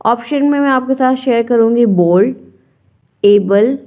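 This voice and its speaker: Young woman, tired strained throat, slow patient teacher, slightly high voice, mellow tone. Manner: slow, patient explaining with frequent check-ins. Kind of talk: exam-prep lesson.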